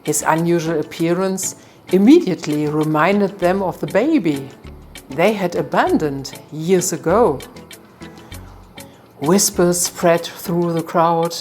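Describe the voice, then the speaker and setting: A woman tells a folktale in a calm, measured way, her voice sitting low and unhurried. Soft music plays faintly beneath her narration. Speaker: storyteller.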